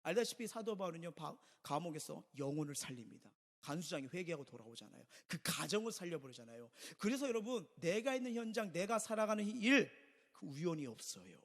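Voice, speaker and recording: In a reverberant church sanctuary, a male pastor preaches a Sunday sermon with emphasis, using rhetorical questions and repeated phrases. His voice sits high and sounds expressive and a bit bright, and he speaks at a quick pace.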